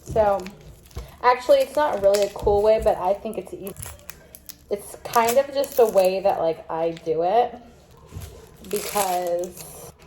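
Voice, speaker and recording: A woman's voice: mid-range voice, unhurried, long pauses, warm tone, a little hiss or hum. A woman vlogger chatting casually while cooking at home, rambling with lots of fillers. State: teary from chopping onions. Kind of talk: casual cooking vlog chat. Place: home kitchen.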